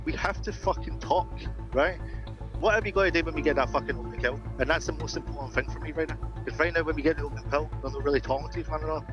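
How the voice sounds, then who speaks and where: A man's voice: on the high side, fast talker. A man with a broad Scottish accent giving his team an urgent, blunt, sweary talk as their coach, often repeating himself. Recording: muffled team voice channel, loud music.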